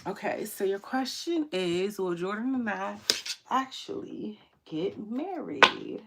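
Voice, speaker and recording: A woman's voice: mid-range voice, lively intonation, takes it slowly, gravelly, very noisy. A woman reading tarot on a livestream, chatting casually in slangy speech and reading viewer comments aloud. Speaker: tarot reader hosting a livestream.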